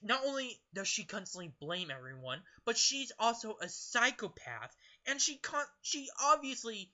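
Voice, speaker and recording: Young vlogger reading a book out loud and ranting about it, bright edgy voice, kinda muffled lo-fi mic. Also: medium pitch. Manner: opinionated and emphatic, often stumbling over words. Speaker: political commentary vlogger. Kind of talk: reading aloud from a book and commenting.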